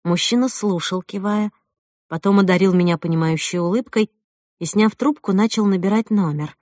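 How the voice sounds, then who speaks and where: Woman narrator, first-person audiobook, expressive tense delivery, mid-pitched, dry close sound. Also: normal speed, dry recording.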